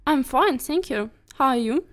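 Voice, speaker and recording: A woman voicing a friendly little dog in a children's story, with a high, chirpy, sing-song manner. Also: lively intonation, normal speed. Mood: cheerful. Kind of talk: children's English-lesson story.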